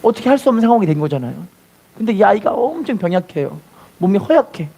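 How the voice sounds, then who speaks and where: A man's voice: high-pitched, very animated, quick pace, gravelly, mellow, slightly rough. A man preaching a sermon as pastor, telling a story and acting out its voices, then leading the congregation to repeat after him. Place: church.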